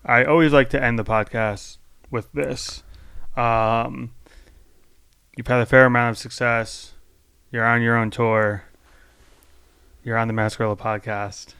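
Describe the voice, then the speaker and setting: Male podcast host, medium pitch with gravel, playful teasing interviewer. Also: level tone, measured pace, pauses often, a bit bright, dry recording. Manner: joking, teasing, swears casually. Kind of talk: casual interview chat.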